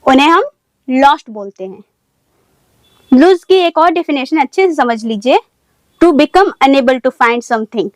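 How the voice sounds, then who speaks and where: High-voiced, slow woman teacher. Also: no echo. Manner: careful, explaining. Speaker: English teacher. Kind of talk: video lesson.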